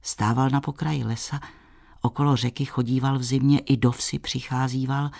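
A man narrating an old storybook in a calm, measured reading style. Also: mid-range voice, gravelly. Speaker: audiobook narrator.

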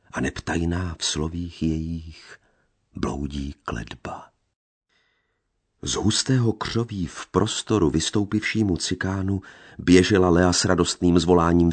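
Deep voice, husky, man narrating a classic novel, solemn and measured. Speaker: audiobook narrator. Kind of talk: scripted literary narration.

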